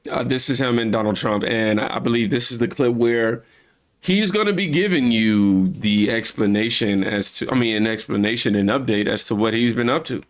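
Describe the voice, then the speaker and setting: A man's voice: medium pitch, normal speed. A man hosting a reaction video who talks loosely and rambles, speaking straight to his viewers. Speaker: YouTube reaction host. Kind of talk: casual reaction commentary.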